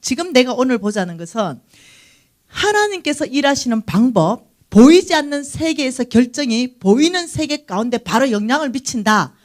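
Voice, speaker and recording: A woman preaching at a seminar, acting out the dialogue in her story with lively energy. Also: sits high, normal speed. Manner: animated, acts out dialogue. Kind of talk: seminar sermon. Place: seminar hall.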